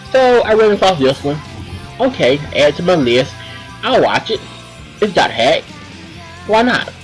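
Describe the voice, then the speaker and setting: A man's voice: on the high side, poor audio. A man casually reviewing an anime, rambling with many ums and restarts while talking around a cough drop.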